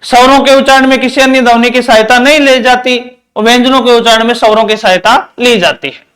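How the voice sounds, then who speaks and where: A man with a very high-pitched, fairly bright voice speaks briskly and with fairly even intonation. He's a teacher delivering an exam-prep grammar lecture, drilling students by repeating points and answering his own questions.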